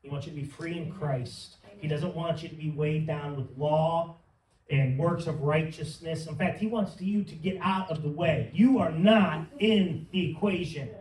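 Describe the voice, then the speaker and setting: A man's voice: fairly high pitch, normal speed, a little mellow. A man preaching a sermon in church, fervent and building to emphatic peaks. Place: church sanctuary. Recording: roomy sound from some distance.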